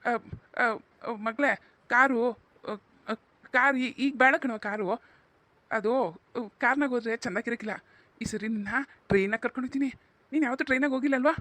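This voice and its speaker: A man voicing a gentle village father in a cartoon, coaxing his little daughter softly. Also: extremely high pitch, fairly quick, pauses often, no room sound. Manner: soft, coaxing.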